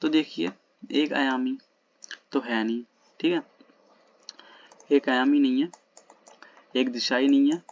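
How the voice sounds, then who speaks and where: Man, exam-prep teacher, casual lesson, gravelly voice, muffled home recording. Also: mid-range voice, fairly even intonation. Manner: drags out English question text slowly, then explains fast in Hindi. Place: home at night.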